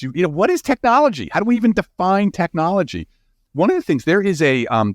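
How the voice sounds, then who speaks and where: A man with a lowish voice appears as a guest scientist in a conversational interview, enthusiastic and emphatic, often ending points with "right?". The sound is clean studio quality with no room sound.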